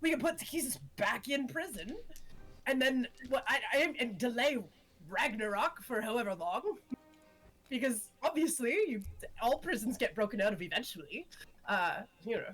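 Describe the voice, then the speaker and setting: A woman's voice: fairly high pitch, expressive, moderate pace, a bit bright, soft background music. A woman playing a tabletop game, firing off long rambling questions and cutting herself off. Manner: rambling rush of questions, self-interrupting. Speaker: player. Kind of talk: in-character tabletop talk.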